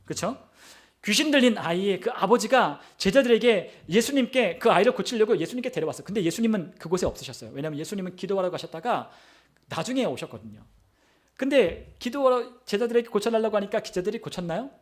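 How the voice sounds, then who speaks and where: A male pastor delivers a Sunday sermon in a high voice. He asks the congregation questions, answers them himself and keeps the preaching animated. He breaks into short acted lines for the people in the Bible story. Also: fast.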